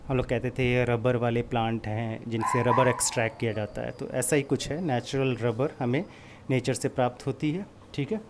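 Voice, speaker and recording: A man's voice: mid-range voice, steady tone, normal speed, noisy background. A male chemistry teacher lecturing a class. He goes step by step, puts questions to the class and answers them himself, and mixes English terms into his speech.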